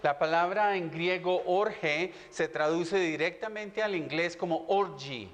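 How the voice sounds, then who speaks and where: Guy interpreting a lecture, reads verses then repeats stuff, slightly high voice, long hall reverb. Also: measured pace. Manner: reads aloud, then echoes the teacher phrase by phrase. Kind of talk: live interpreting and scripture reading.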